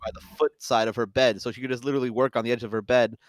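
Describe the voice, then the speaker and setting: A young man from Long Island, a guest in a casual chat, talking in an animated, quick way and laughing as he goes. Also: medium pitch, no room sound, clean studio sound. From Long Island, New York.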